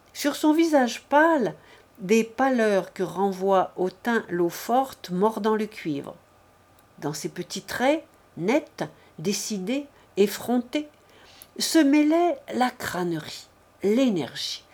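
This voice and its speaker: Woman, audiobook narrator, slow unhurried reading, middle-pitched, literary narration. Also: a little mellow. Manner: measured, deliberate reading.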